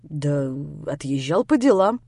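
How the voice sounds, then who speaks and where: A woman's voice: sits low, sing-song, a little slow, mellow, slightly rough, dry recording, pitched below the performer's own voice, exaggerated voice. A woman voicing a young man who pleads with and soothes his upset girlfriend. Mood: flustered.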